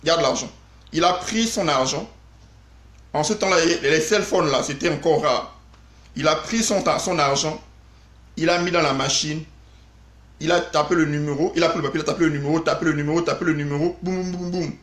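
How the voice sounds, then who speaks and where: Male live streamer with a high voice telling an animated story to viewers, recorded in an echoey room. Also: a little fast. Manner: animated, addresses viewers directly.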